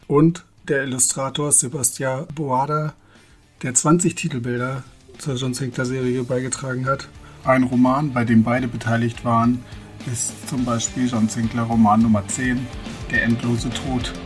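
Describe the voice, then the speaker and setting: This podcast host, a man, alternates between interviewing and reading scripted announcements. He speaks at medium pitch with a breathy edge.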